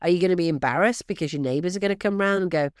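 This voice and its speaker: This middle-aged woman hosts a real estate podcast and coaches her audience head-on, brisk and emphatic, though allergies leave her congested and sniffly. Her voice runs fairly low, captured with studio quality and no audible room.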